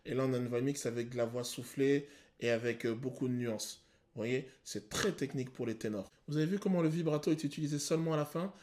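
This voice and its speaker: A male vocal coach explaining singing technique to viewers, pausing to sing short examples. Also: medium pitch, a little mellow. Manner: explanatory, addresses viewers, sings short demos. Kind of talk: vocal analysis video commentary.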